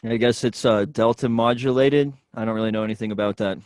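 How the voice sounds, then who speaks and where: A man's voice: medium pitch, fairly even intonation, fast talker, darkish tone, smooth, no echo. A man chatting on a video call as a club member, sharing stories in an eager, slightly hesitant way. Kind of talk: casual chat on a video call.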